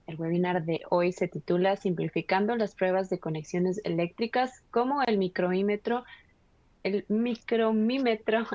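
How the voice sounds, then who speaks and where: A woman moderating a webinar, introducing it in a polite, welcoming tone with soft hesitations. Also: lowish voice, dry recording. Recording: dull, dry lo-fi online call audio.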